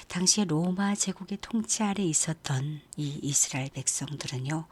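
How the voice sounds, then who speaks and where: A woman with a low, husky voice tells a Bible story to young listeners in a sermon. Her delivery is gentle and storytelling, and she pauses to ask questions. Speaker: youth ministry preacher.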